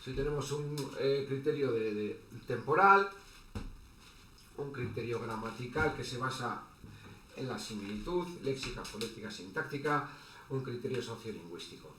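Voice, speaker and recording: A man giving an online lecture as a teacher, halting, with many fillers and restarts. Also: medium pitch, expressive, a bit bright. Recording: echoey room with faint background noise.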